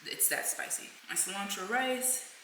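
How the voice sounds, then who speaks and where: Heavy background noise runs under this casual vlog, where a thirtysomething woman chats to camera in her home kitchen and later in a car, addressing viewers as y'all and folks. Her voice is medium-pitched and moves at an ordinary pace.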